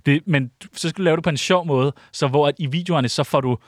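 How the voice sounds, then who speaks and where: A young man, chatting and teasing his co-host on a podcast, his voice pitched a little high. He sounds close and dry on the mic, with no echo around him. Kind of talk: casual podcast chat.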